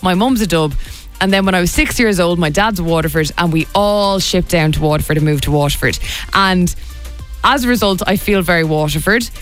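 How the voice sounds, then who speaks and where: A woman's voice: on the low side, a little fast, faint music behind. A young Irish woman hosting a radio show, chatting casually and teasing her co-host. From Ireland.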